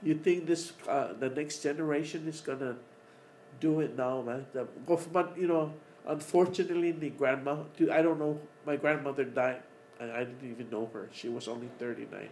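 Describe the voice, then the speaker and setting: Over steady background ambience, a Chamorro-accented podcast guest from the Mariana Islands speaks at normal speed in a medium-pitched voice. His conversation is casual and emphatic, switching between English and Chamorro, and he frequently repeats himself.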